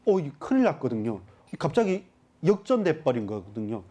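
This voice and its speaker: A man preaching a sermon as pastor, talking straight to his congregation and explaining scripture with lively emphasis. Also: a little high, normal speed. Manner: animated preaching, addressing the congregation directly.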